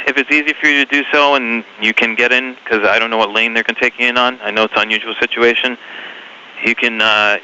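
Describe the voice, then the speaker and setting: Man, air traffic controller, rapid-fire speech, static-laced radio, stressed and apologetic. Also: fairly low pitch, sharp tone. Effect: heard over aviation radio with static bursts. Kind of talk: clipped radio instructions to pilots. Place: airport control tower. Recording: muffled radio transmission with faint hiss.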